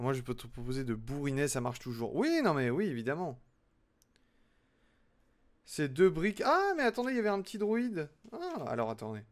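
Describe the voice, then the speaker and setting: A young man chatting casually with his live-stream audience as he builds, chatty and self-mocking. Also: medium pitch. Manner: chatty, self-mocking, talks to chat while working.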